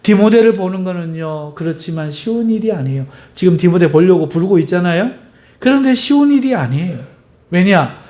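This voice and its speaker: Male pastor, high voice, emphatic sermon delivery, rhetorical questions to the congregation. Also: lively intonation, brisk. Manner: emphatic, swinging in pitch and loudness.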